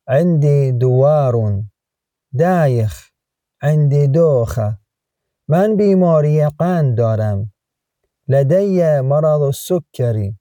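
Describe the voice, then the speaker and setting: A man, reading phrasebook lines one by one in a slow, measured lesson style. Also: medium pitch, warm tone, no echo, studio quality. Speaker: language teacher.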